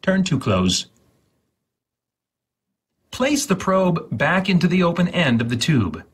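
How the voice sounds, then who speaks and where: Very animated and fairly high-pitched, a male host gives a deliberate, dramatic reading of step-by-step instructions. His voice is husky and breathy, and he overemphasizes every syllable.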